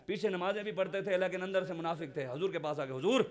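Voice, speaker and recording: High-voiced fervent Punjabi-accented preacher. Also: male voice. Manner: fervent, swinging between loud declarations and hushed storytelling. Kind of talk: sermon at a religious gathering. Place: devotional gathering.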